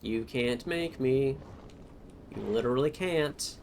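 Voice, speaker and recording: A man's voice: medium pitch, takes it slowly, vocal fry, darkish tone, a little hiss or hum. A man giving casual let's-play commentary, playful and thinking aloud as he works through puzzles. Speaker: game streamer.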